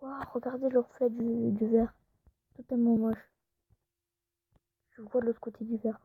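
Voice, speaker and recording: A woman's voice: on the high side, little pitch movement, moderate pace, slightly rough, no room sound. A woman YouTuber giving casual gameplay commentary, chatty and often dropping into whispered asides. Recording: tinny phone-like recording.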